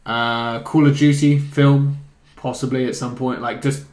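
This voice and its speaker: This video game chat show host talks a little slowly, his mid-range voice slightly mellow with little pitch movement. He leads a casual, opinionated conversation among friends in a roomy space that gives the pickup an echo.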